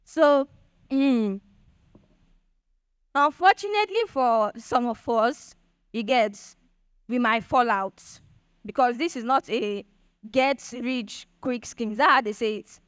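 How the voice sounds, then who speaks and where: A woman's voice: fairly high pitch, lively intonation, slow pace, pauses often, a bit bright, smooth, no room sound. A young woman with a Nigerian accent giving a chatty motivational talk to an audience, often checking "do you understand?". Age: young adult. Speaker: speaker at a Bitcoin event.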